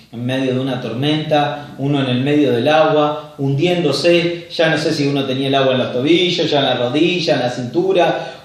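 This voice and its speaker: A man pastor with a Rioplatense Spanish accent preaching a sermon in a conversational way, often checking in with his listeners. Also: medium pitch. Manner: conversational preaching, tag questions after points. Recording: echoey room, mic far off.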